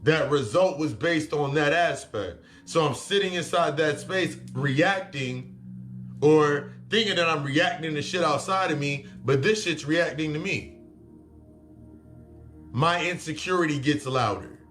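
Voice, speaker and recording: A man's voice: on the high side, a little slow, fairly bright tone, faint music behind. A man giving a blunt, profane self-help talk as a spiritual coach, repeating his points for emphasis. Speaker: spiritual reader and life coach. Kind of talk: motivational self-help monologue.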